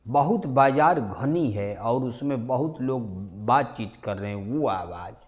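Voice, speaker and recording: A man teaching a science class, repeating each key number and phrase slowly and carefully. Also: medium pitch, animated. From India. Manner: slow, repetitive, stresses key numbers.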